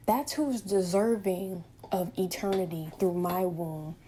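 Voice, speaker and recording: A woman in her twenties delivers a passionate, opinionated monologue to camera from home, leaning on rhetorical questions. She speaks a little slowly in a lowish, warm voice, with slight background noise.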